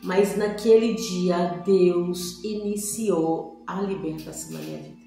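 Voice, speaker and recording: A woman's voice: fairly low pitch, fairly even intonation, slow pace, dark tone, soft background music. Emotional woman telling her testimony. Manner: dramatic, emphatic storytelling, addresses viewers directly. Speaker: person giving a religious testimony. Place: seated on an old creaky chair. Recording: very echoey room.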